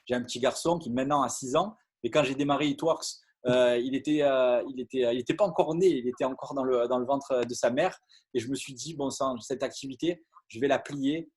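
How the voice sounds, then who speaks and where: A man's voice: medium pitch, a little mellow, slightly rough. A man giving an earnest motivational talk on a video call, with many fillers and restarts. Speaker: business opportunity speaker.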